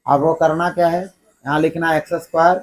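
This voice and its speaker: A man lecturing a classroom in with a tinge, his voice sitting a bit high. He fires questions at the class and fills in the answers himself, keeping the lesson moving. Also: steady tone, a little fast, slight background noise, rough recording. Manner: keeps quizzing the class, then answering himself. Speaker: teacher. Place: classroom with students.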